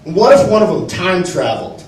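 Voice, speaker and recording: A man's voice: high-pitched, normal speed, recorded from a distance, a little hiss or hum. A man doing a rambling homeless theorist. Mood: excited. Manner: excited, rambling. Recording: roomy club recorded from afar. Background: audience laughter.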